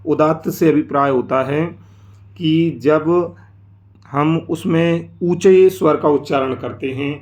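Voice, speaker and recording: A man teaching a language lesson, explaining slowly and step by step, sometimes drawing out sounds to show them. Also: a little high, darkish tone. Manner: slow, explanatory, often drawing out sounds to demonstrate. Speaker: Sanskrit teacher.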